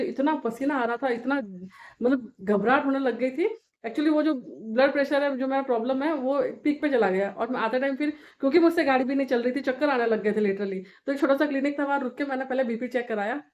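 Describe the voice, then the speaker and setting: A young woman, venting animatedly in a casual daily vlog. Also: sits high. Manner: animated, exasperated ranting. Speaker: vlogger, home beauty service worker. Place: Jaipur.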